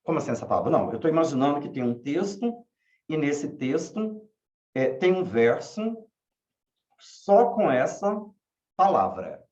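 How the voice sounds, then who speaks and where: A man teaching a class, asking questions slowly and repeating key words. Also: fairly high pitch, lively intonation, a little mellow. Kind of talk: online class lecture. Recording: echoey room, dull lo-fi sound.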